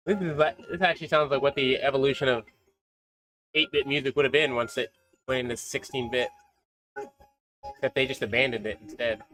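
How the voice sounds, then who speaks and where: A man's voice: medium pitch, fairly even intonation, brisk, pauses often, fairly bright tone, faint music behind, rough recording. Offhand man chatting on a stream. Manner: offhand, drifting commentary with mild cursing. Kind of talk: casual gaming stream chat.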